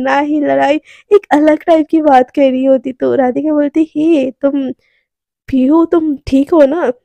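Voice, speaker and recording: Casting: chatty woman storyteller, high mellow voice, dry close sound. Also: dry recording. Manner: conversational, chatty, uses filler words. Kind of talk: casual serialized story narration.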